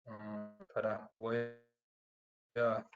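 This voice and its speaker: A male teacher, giving an online class from home. His voice comes through a choppy, robotic-sounding video call, and he explains patiently, checking in often with quick tags. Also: lowish voice, completely flat delivery, soft background music. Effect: choppy, robotic-sounding video call audio. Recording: muffled lo-fi internet call.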